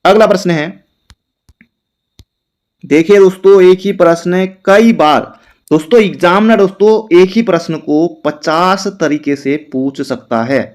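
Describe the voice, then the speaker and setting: Young guy running an exam quiz lesson, voice a bit high, keeps calling everyone friends. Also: a little mellow. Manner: calls listeners "दोस्तों" constantly, reads each question slowly; explains answers in quick bursts. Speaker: teacher.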